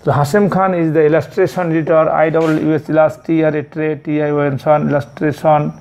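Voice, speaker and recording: A male primary school teacher with a Bangladeshi accent, giving a slow classroom lesson and spelling out words letter by letter. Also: a little high, little pitch movement, a little mellow. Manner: spells words letter by letter, repeats each meaning several times.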